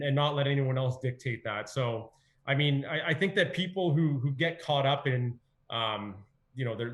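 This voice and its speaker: A man's voice: medium pitch, a bit bright. A young man who is a podcast guest, talking casually with many restarts. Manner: halting, with many restarts and fillers. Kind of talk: casual chat.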